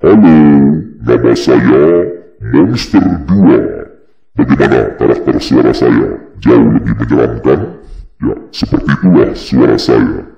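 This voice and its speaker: A man speaking through a monster voice-changer effect that disguises his voice as a very deep, menacing male monster, talking slowly. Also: animated, vocal fry, dark tone, heavily acted. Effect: monster voice changer pitched very deep. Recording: dull, roomy effect-processed sound.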